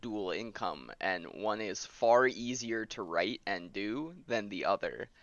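A man's voice: lowish voice, animated, unhurried, a bit bright, dry recording. A man co-hosting a podcast in casual chat, giving dry, joking reactions. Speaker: podcast co-host. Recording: dull lo-fi mic.

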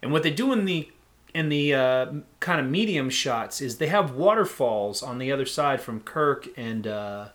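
A man's voice: medium pitch, expressive, moderate pace, fairly bright tone. Rambling, laughing man chatting about movies. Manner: rambling, laughing, frequent fillers. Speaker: podcast co-host. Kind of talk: casual chat about movies.

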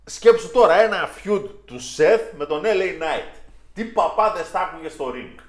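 A man's voice: high-pitched, animated, roomy sound. A man co-hosting a casual chat, opinionated and teasing, often cutting in. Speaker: co-host.

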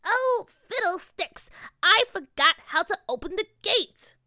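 A high, bright little fairy queen, played by a woman, fussing and squealing in a lively sing-song. The voice sits close and dry. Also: a little slow, no echo, full character voice. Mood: fretful. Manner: fretful, squealing exclamations. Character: tiny flustered female fairy queen.

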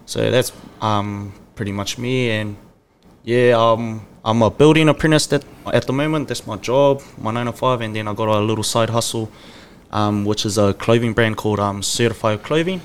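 A man's voice: lowish voice, moderate pace, smooth. A man in his twenties from Samoa, a podcast guest chatting in a laid-back, easygoing way. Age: 20s. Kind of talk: casual chat.

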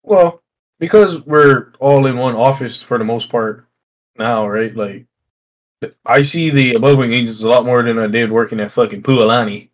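A man's voice: mid-range voice, moderate pace. Swearing man in matey podcast banter. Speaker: podcast co-host. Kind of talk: casual chat among friends.

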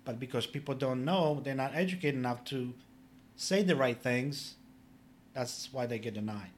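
Speaking at a normal pace with medium pitch, this Polish-born public adjuster talks as a guest in a relaxed podcast interview, with slight background noise behind him. Polish is his native language, and his explanations are straightforward and instructive, peppered with "you know."

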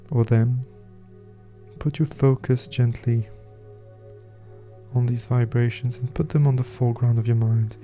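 A man leads a guided meditation in a very mellow, warm voice. His delivery is soft, slow and soothing, at a medium pitch, with faint music underneath. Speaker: meditation podcast host and guide.

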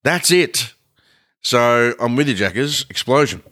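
A man's voice: medium pitch, expressive, measured pace, bright, forceful tone. A man co-hosting a podcast, rambling casually with swearing and laughter while eating. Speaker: podcast co-host. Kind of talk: casual banter with a co-host.

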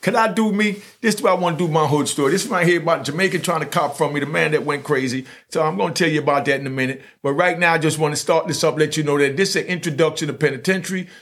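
A man's voice: fairly high pitch, rapid-fire, hardly any pauses, a bit bright. A man telling a long street story in casual chat, rambling with many fillers and restarts. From New York. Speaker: storyteller host.

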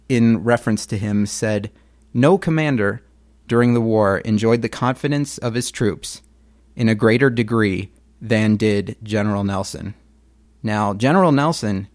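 A man narrating history like a story told to friends, casual and blunt with emphatic turns. His voice sits at an ordinary middle pitch. The sound is dry and close, with no room around it. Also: no room sound.

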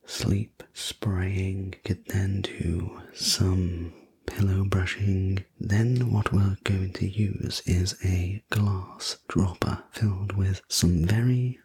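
A man in a soft, breathy ASMR role-play, speaking as a soothing, gentle sleep story narrator and attendant. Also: sits low. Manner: slow, gentle, reassuring delivery. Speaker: host playing a sleep room preparation attendant.

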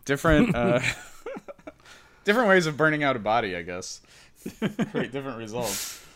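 A man's voice: medium pitch, very animated, normal speed, fairly bright tone. A man co-hosting a casual podcast chat with an easygoing manner who often trails off into chuckles.

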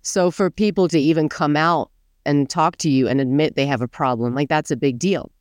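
Smooth low-voiced woman chef host. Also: a little fast, no echo, clean studio sound. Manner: relaxed, laughs between phrases. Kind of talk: casual interview chat.

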